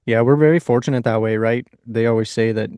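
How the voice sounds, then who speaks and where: A man in his early thirties co-hosts a casual podcast in a mid-pitched voice. He tells stories in a relaxed way and laughs easily. The close mic is dry, with no room sound. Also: quick pace, clean tone, dry recording, highs cut off. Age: 30s. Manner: laid-back, laughing storyteller. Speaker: podcast co-host. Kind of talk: casual chat.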